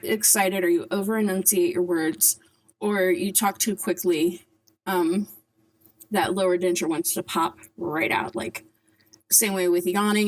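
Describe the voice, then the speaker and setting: A woman's voice: lowish voice, rough recording. A woman talking casually to camera in a vlog, articulating carefully around dentures, with a slight lisp and hard, whistling S sounds. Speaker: vlogger.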